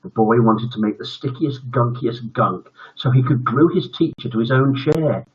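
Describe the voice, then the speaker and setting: A husky, mid-range male voice at a moderate pace belongs to a British man in his seventies. He's hosting a bedtime story stream, mixing storytelling with casual chat, over dull lo-fi livestream audio.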